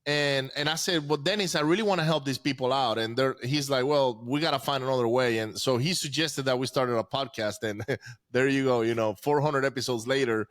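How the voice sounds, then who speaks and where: A man in his forties who grew up in Venezuela, a podcast guest telling his life story in a casual, halting way, with many restarts and repeated words. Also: mid-range voice, a bit bright.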